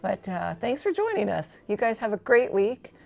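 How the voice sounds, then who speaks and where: A woman's voice: medium pitch, big pitch swings, moderate pace, vocal fry. A woman co-hosting a casual question-and-answer chat, talking in a chatty, giggly way. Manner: chatty, giggly, warm banter. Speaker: co-host.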